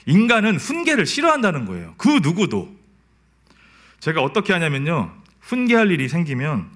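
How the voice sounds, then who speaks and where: Male pastor, sermon delivery, animated pitch, anecdotal and chatty. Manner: lively storytelling with acted quotes.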